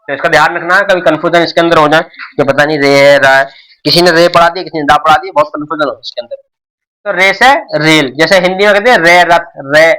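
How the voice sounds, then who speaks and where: This is a classroom-style alphabet lesson for beginners from a middle-aged Urdu teacher who explains patiently, repeats himself a lot and keeps restarting. The voice is a little high and sharp, and the audio is poor.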